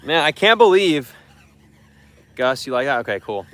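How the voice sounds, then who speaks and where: A man's voice: on the high side, big pitch swings, moderate pace, fairly bright tone. A young man chatting casually to his live stream viewers while fishing from a boat on a lake, rambling and repeating himself. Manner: rambling, repeats words, talks to chat.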